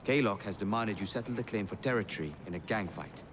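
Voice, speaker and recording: A man acts out a brisk Victorian ally briefing his gang in a video game. His low voice moves quickly and plainly, with faint noise behind. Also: natural voice. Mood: urgent. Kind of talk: video game cutscene acting.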